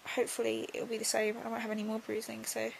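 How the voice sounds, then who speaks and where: A young woman talking casually in a video diary, subdued and drowsy as she recovers from surgery, her voice creaky and breaking into breath. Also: fairly high pitch, completely flat delivery, fast talker, slight background noise. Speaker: vlogger.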